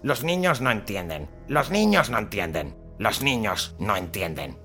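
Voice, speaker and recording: Man voicing a talking eagle in a storybook, bright, sing-song, says each line three times. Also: on the low side, very animated, unhurried, soft background music, pitched above the performer's own voice, exaggerated voice. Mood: cryptic. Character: talking caged eagle, repeats everything thrice.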